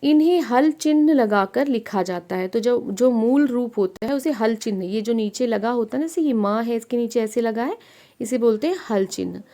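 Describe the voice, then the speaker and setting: A woman's voice: on the high side, expressive, normal speed, warm tone. A woman teacher explaining a primary-school grammar lesson step by step, asking her pupils questions as she goes.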